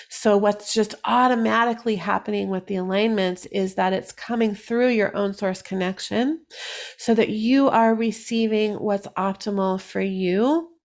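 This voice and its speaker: A woman's voice: mid-range voice, vocal fry. A woman talking casually as an energy healing teacher, rambling with many fillers and restarts. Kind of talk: casual solo talk to camera.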